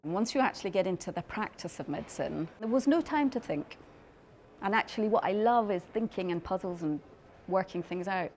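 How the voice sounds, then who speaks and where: A woman's voice: mid-range voice, expressive, fairly quick, a little mellow, soft background music. A middle-aged woman, a clinician scientist from Scotland raised in Belgium, talking thoughtfully in a profile interview, often restarting and repeating words as she explains. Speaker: clinician scientist in paediatric dermatology.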